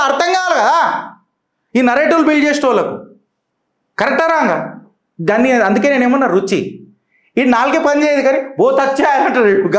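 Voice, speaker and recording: Telangana-accented male commentator, high voice, mocking and rhetorical, recorded in an echoey room. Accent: Telangana Telugu. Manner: mocking, rhetorical questions to the audience. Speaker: political commentator. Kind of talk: heated political commentary.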